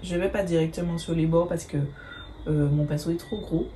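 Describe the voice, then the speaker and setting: Casting note: woman, low-ish voice, chatty makeup vlogger who hesitates a lot and swears casually, slight background hiss. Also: steady tone, moderate pace, warm tone. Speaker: beauty vlogger. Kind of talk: casual makeup tutorial chat.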